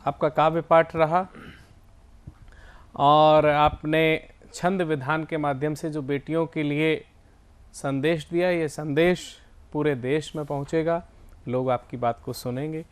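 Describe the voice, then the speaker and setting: A man's voice: a little high, fairly even intonation, unhurried, clear, resonant tone. A man who hosts a poetry gathering thanks the last poet with praise and chats casually before introducing the next poem. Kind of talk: conversational compering between poets.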